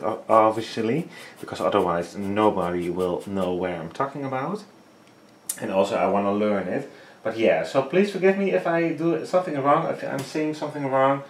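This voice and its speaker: This painting tutorial host has a mid-range voice and a Dutch accent, with Dutch and Frisian as his first languages. He speaks English hesitantly, with many fillers and a search for words, in a casual vlog recorded while painting in a small, echoey home art studio.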